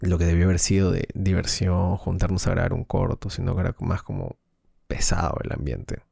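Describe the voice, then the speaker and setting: Gravelly low man telling stories. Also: a little fast, mellow, no echo, clean studio sound. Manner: rambling storyteller with slang and restarts. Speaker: podcast co-host, filmmaker. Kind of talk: casual chat.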